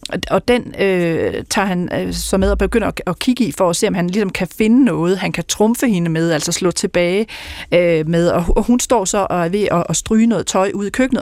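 A woman's voice: on the low side, darkish tone, dry recording. Woman, radio host, hesitant, many fillers, dry studio sound. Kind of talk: radio book talk.

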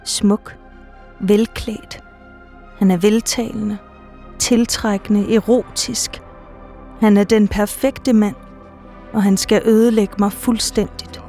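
A woman playing a proud, lonely actress and writer, delivering a slow, measured theatre monologue. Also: medium pitch, steady tone, mellow, soft background music, lightly acted. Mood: brooding.

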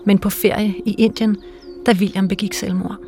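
Calm woman narrating a documentary. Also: medium pitch, soft background music. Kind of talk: scripted narration.

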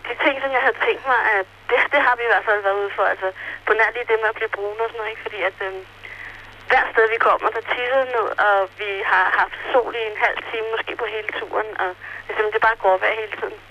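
Young woman, teenage traveler, bright voice, hesitant and chatty, phone line, faint hiss. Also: mid-range voice, fairly even intonation. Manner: hesitant, many fillers, chatty. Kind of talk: phone interview.

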